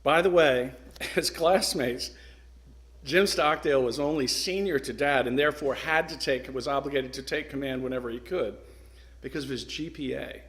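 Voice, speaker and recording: A middle-aged man giving an earnest, emphatic speech to a club, pausing for effect and sometimes restarting his sentences. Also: mid-range voice, a bit bright. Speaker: guest speaker.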